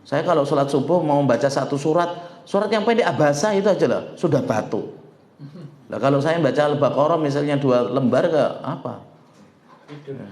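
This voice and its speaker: A man preaching an informal sermon as an ustadz, lively and joking with his listeners and reciting Arabic slowly. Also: on the high side. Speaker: ustadz giving a religious study talk. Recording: echoey room.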